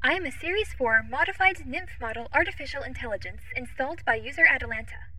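Woman voicing too-smooth bright android Echo. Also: high voice, quick pace, full character voice. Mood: polite, literal. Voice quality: too smooth, even, formal android-like phrasing. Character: too-smooth female AI assistant, polite, literal, curious. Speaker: ship's AI assistant. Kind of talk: audio drama acting.

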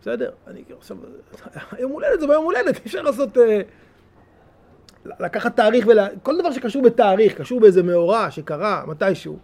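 A man, a rabbi, giving a weekly Torah talk, animated, rising to pleading cries and dropping to soft asides. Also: high voice, creaky.

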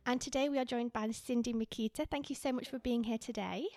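Upbeat woman podcast host, brightish pitch. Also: steady tone, fast, no echo, studio quality. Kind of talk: podcast intro and casual interview.

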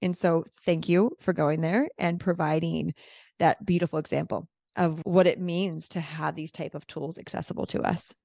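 A woman's voice: low-pitched, fairly even intonation, moderate pace, creaky, darkish tone, dry recording, clean studio sound. A woman hosting a virtual round table over a video call, talking in a reflective, affirming way with casual fillers. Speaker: host.

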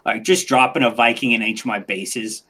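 A man chatting casually as a podcast guest, animated and excitable, often restarting his sentences. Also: medium pitch, normal speed. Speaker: podcast guest, game streamer. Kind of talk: casual interview chat.

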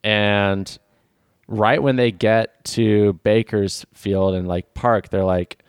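Smooth low-voiced man riffing a story. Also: steady tone, slow pace, no room sound, clean studio sound. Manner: loose rambling with many fillers. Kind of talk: improvised comedy storytelling.

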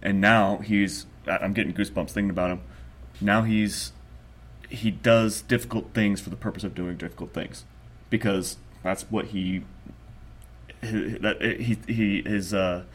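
A podcast co-host with a lowish, unhurried voice tells stories in casual chat. He's an excitable, rambling storyteller, loose and profane, laughing often.

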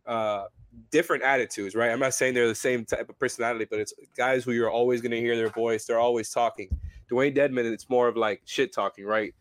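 A man's voice: mid-range voice, steady tone, a little fast, no room sound. A man with a stuffy, nasal voice from a cold, talking in a casual sports podcast and hedging with frequent restarts. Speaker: podcast co-host covering the team.

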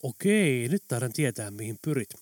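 A man's voice: mid-range voice, very animated, a little mellow, no echo. A man voicing a young woman who hacks systems, answering in short, matter-of-fact replies. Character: sharp-tongued female hacker.

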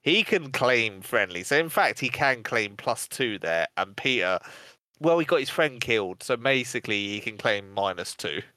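Bright-voiced animated podcast co-host, a man. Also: mid-range voice, moderate pace, dry recording. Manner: animated storytelling, swears and laughs often. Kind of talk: casual gaming podcast chat.

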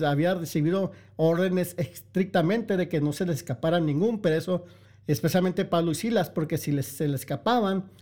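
A middle-aged male pastor preaches in a fairly high yet mellow, warm voice. He talks emphatically, circling back over his phrases and speaking straight to his brothers and sisters in the congregation. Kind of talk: sermon.

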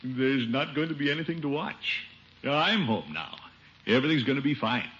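Man playing Gildersleeve, pompous animated American uncle. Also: mid-range voice, normal speed, close to an everyday voice. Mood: hearty. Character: pompous, fussy middle-aged uncle, genial head of household. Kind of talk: 1940s-50s radio comedy acting. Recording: dull noisy vintage radio recording.

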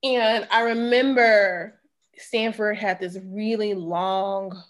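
A woman's voice: medium pitch, fairly even intonation, slow. A woman with a Southern Mississippi accent tells personal stories in a casual, conversational interview, with emphatic asides. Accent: Mississippi Southern American. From Mississippi, United States. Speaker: interview guest, former sprinter.

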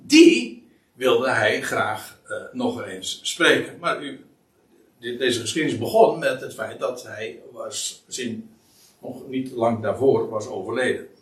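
A man teaches from scripture in an unhurried, hesitant way, his pitch rising and falling widely. He is heard from a distance in a roomy, echoing space. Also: lively intonation. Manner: hesitant, many fillers and restarts. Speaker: Bible teacher. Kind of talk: explanatory Bible study talk. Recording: echoey room, distant mic.

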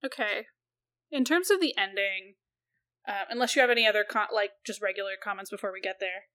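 A woman's voice: medium pitch, a little fast, bright, forceful tone. Chatty woman talking movies. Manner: chatty, swears freely, lots of "like". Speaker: podcast co-host. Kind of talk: casual film discussion chat.

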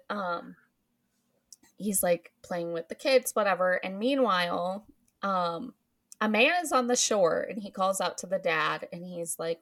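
A woman's voice: mid-range voice, a bit bright. A woman host casually recapping a film's plot, laughing often and filling with um and like. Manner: giggly, frequent ums and likes. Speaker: podcast host recapping a film. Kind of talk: casual chat.

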